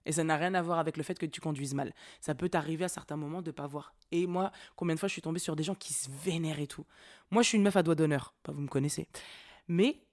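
A woman's voice: low voice, fast talker. A woman hosting a podcast, telling stories in casual slangy French and acting out the quotes. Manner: slangy, animated storytelling with acted-out quotes. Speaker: podcast host. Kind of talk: casual monologue.

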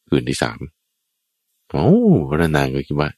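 A man giving a Buddhist sermon, retelling a scripture tale in a lively, colloquial way and speaking directly to his listeners. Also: a bass voice, measured pace, no room sound. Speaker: Buddhist preacher. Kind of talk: sermon with storytelling.

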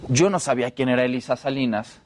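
A man with a Mexican accent, an actor chatting as a guest and telling stories in a loose, relaxed way with restarts. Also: medium pitch, fast. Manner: relaxed storytelling, fillers and restarts. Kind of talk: casual interview chat.

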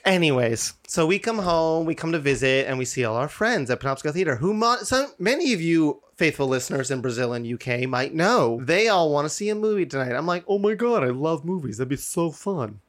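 A man co-hosting a podcast, chatting casually, who laughs often and gets excitable, even breaking into yelling. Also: a little high, fairly quick, hardly any pauses. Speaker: podcast co-host. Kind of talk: casual chat.

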